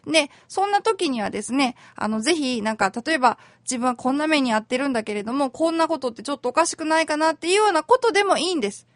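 A woman with a high voice hosts a community radio talk show. She explains legal matters in chatty, plain terms, polite and friendly, with soft fillers along the way. The sound is dry and close, with no room echo. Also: animated, quick pace, few pauses.

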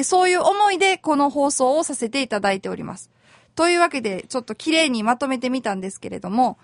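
A woman with a high voice hosts a community radio talk show. She explains legal matters in chatty, plain terms, polite and friendly, with soft fillers along the way. The sound is dry and close, with no room echo.

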